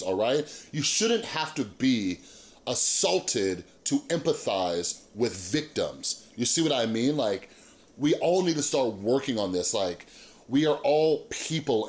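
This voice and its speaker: A man in his thirties hosting a YouTube channel, giving casual, earnest opinion commentary and often checking that listeners agree. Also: medium pitch. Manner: earnest, emphatic, seeks agreement with frequent rhetorical tags. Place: small indoor room with monitors.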